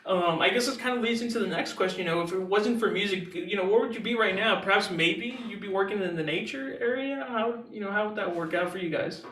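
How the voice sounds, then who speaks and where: A man's voice: high voice, fast, hardly any pauses, a bit bright, far from the mic. A young man hosting a college radio interview, telling rambling stories full of fillers. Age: young adult. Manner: rambling, chatty storytelling with fillers. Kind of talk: casual interview chat. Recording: echoey room, a bit off mic, faint hiss.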